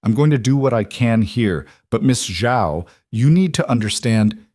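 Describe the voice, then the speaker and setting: A man voicing a grave, kindly country doctor who speaks quietly, steadily and firmly, as an audiobook character. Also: mid-range voice, animated, a little slow, dry recording, clean studio sound.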